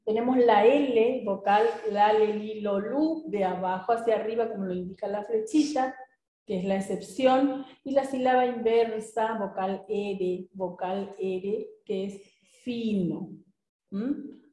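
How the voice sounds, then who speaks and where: A woman teaches a recorded class, taking her time over each point and pausing to check that her students follow. Her voice is mellow and unhurried. The room around her adds a noticeable echo. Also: medium pitch. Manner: patient, explanatory, checks in with students. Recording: echoey room.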